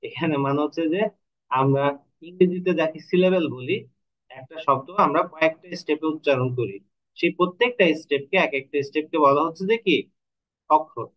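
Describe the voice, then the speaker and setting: A male tutor with a Bangladeshi Bengali accent teaches an online class, his voice sitting a little high. He asks questions and answers them himself, drawing syllables out slowly to show them. The recording sounds muffled and lo-fi. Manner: explains step by step, asks rhetorical questions; stretches syllables slowly to demonstrate. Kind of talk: online lecture.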